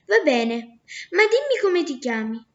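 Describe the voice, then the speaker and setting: A woman voicing a greedy, suspicious male merchant in a storybook reading, loud and accusing. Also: high voice, sing-song, measured pace, muffled recording. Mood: brusque.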